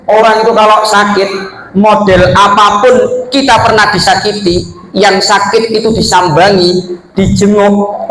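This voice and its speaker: A middle-aged man preaching a lively sermon to a gathered congregation, joking and mixing in Arabic phrases. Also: high voice. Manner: lively, jokey, mixes local words and Arabic. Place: prayer room with a gathered audience. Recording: echoey room with crowd.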